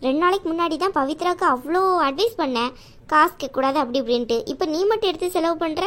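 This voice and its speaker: A woman's voice: high voice, fast talker, a bit bright. A woman voicing a worried middle-aged mother in a cartoon, fretting and questioning her children. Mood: fretful. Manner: fretful, questioning. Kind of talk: animated cartoon voice acting.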